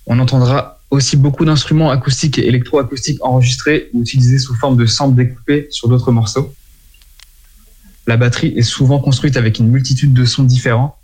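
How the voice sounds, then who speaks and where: A man talks through a music genre for an audience, explaining it step by step at a middle pitch. He stumbles over a word now and then and excuses himself before going on. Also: darkish tone. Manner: explanatory, with small slips and apologies. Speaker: music presenter.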